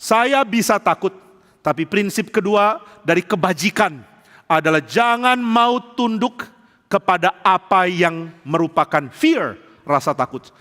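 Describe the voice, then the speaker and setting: A man's voice: sits high, lively intonation, unhurried, sharp tone. A man preaching a sermon as pastor, telling humorous stories and acting out the quotes. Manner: humorous storytelling with acted quotes. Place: large church hall. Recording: long hall reverb.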